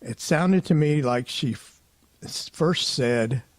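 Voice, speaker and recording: Narrating a casual recap for his paranormal investigation show, this man sounds relaxed and chatty, often softening his views with hedges. He speaks slowly in a mid-range voice with no echo.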